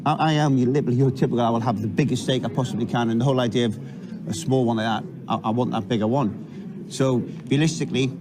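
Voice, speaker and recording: A man's voice: mid-range voice, steady tone, quick pace. A man speaking bluntly in a group discussion, repeating himself as he makes his point. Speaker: assembly delegate. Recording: noisy room.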